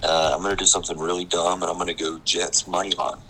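A man giving football picks in a casual chat, quick and offhand. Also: low-pitched, little pitch movement, fairly bright tone, a little hiss or hum, rough recording.

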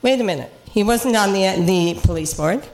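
An older Canadian woman from Cape Breton answers interview questions as a local councillor. Her pitch sits in the middle range for a woman. She is direct and assertive, in a conversational style. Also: lively intonation, moderate pace, poor audio. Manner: plain-spoken, assertive. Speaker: regional councillor, guest.

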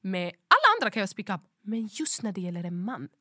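A woman's voice: medium pitch, very animated, bright, forceful tone, no echo, clean studio sound. Candid, reflective woman co-host. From Sweden. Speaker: podcast co-host. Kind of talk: casual podcast chat.

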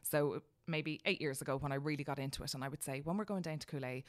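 Female podcast guest, Irish accent, low voice, conversational and emphatic. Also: quick pace. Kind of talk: casual conversation, telling personal anecdotes.

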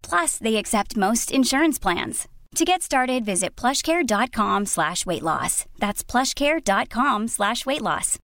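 A woman reading a scripted advertisement in a smooth, persuasive way. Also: on the high side, animated, a little slow, a bit bright, dry recording, clean studio sound. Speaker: ad reader.

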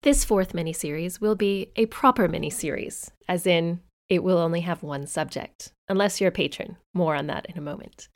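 A woman's voice: fairly low pitch, moderate pace, few pauses. A woman hosting a podcast in scripted narration with chatty asides, her voice stuffy-nosed and congested from a cold. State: under the weather with a cold. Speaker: podcast host.

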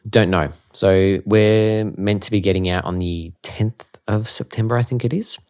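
Male musician guest, Australian accent, low voice, casual easygoing conversational delivery. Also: fairly even intonation, normal speed, a little mellow. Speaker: musician being interviewed. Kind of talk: casual chat.

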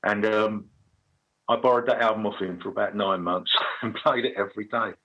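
A middle-aged man with a gravelly, husky voice, telling anecdotes casually as an interview guest. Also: fairly low pitch, fairly even intonation, normal speed, dull audio.

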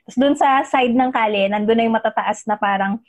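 A young woman in casual chat with friends, retelling a friend's story in a relaxed way with many fillers. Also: fairly high pitch, brisk. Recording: slightly dull, muffled sound.

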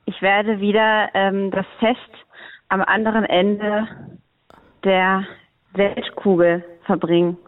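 A woman's voice: mid-range voice, little pitch movement, takes it slowly, dry recording. Woman on a tinny phone line. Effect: heard over a phone line. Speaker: podcast co-host. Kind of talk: casual phone chat.

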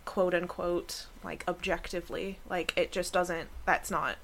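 A woman's voice: fairly low pitch, flat delivery, a little slow, gravelly, a little hiss or hum. A woman co-hosting a podcast in casual chat, reasoning things out with fillers. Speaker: podcast co-host.

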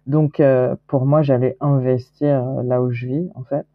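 Low-voiced hesitant woman, dull dry line. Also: fairly even intonation, unhurried, no room sound, soft background music. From Guadeloupe. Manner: hesitant, many fillers and restarts. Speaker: podcast guest. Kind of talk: casual interview chat.

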